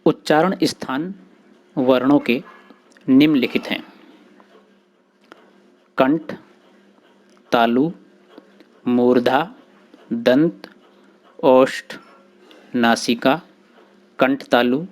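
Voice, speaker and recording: A man teaching grammar, explaining slowly and sounding out letters one by one, with short recited rules between them. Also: mid-range voice, a little mellow. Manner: slow, deliberate, spelling out sounds one by one. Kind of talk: explanatory lesson.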